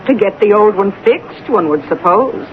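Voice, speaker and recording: A woman's voice: mid-range voice, expressive, normal speed, lightly acted. An actress playing a nosy, gossipy and deferential landlady in a 1970s radio drama. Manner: gossipy, obsequious. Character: nosy, deferential Russian landlady of a lodging house. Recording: tinny, noisy 1970s radio broadcast.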